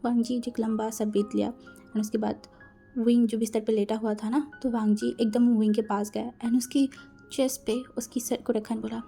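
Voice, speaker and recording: Female storyteller, expressive and dramatic, mellow tone. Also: fairly high pitch, moderate pace, gravelly, soft background music. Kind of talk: fan fiction narration.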